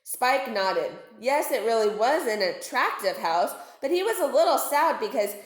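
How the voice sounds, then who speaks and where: A woman with a fairly high voice narrates a storybook for children, her pitch rising and falling widely at a normal pace. She comes across as a teacher reading aloud, and the room sounds echoey.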